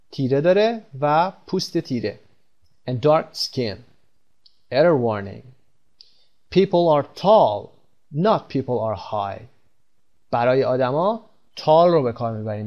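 A man teaching English vocabulary in a lesson, reading each English phrase slowly and explaining it quickly in Persian. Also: a little high, a little mellow. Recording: dull lo-fi recording.

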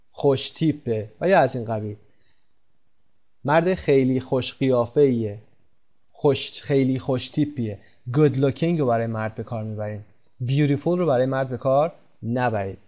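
A man teaching English vocabulary in a lesson, reading each English phrase slowly and explaining it quickly in Persian. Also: mid-range voice, warm tone. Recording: dull lo-fi recording.

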